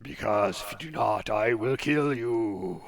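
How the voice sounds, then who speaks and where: Menacing she-demon for a tabletop game, played by a man: slow, commanding delivery. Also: fairly low pitch. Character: menacing female demon in a crystal ball.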